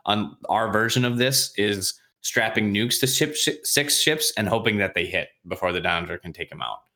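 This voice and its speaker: A man on a podcast casually retelling a novel's chapters, acting out the characters' lines in quick, offhand voices and swearing freely. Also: lowish voice, lively intonation, pushed and bright. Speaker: podcast host recapping a book. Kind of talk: casual chat.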